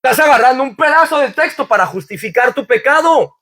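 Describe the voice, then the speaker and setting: A man's voice: very high voice, expressive, fairly quick, pushed and bright. A man preaching a sermon in a church as pastor, quoting scripture fervently and asking the congregation rhetorical questions.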